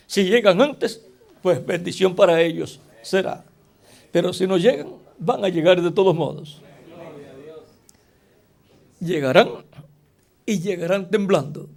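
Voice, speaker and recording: Slow, gravelly-voiced male preacher. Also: high voice, darkish tone. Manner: slow, deliberate preaching with rhetorical questions to the congregation. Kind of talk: sermon.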